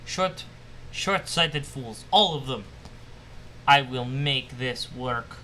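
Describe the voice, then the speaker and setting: A man's voice: mid-range voice, takes it slowly, pushed and bright, slight background noise. A man voicing a bitter, obsessive male scientist losing his mind, ranting and paranoid in a put-on Russian accent. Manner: ranting, paranoid, self-pitying.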